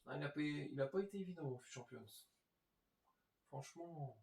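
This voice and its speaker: With a creaky, slightly mellow voice on the high side, a man hosts a gaming video at normal speed, chatting informally to viewers about the game. The room gives the audio a noticeable echo.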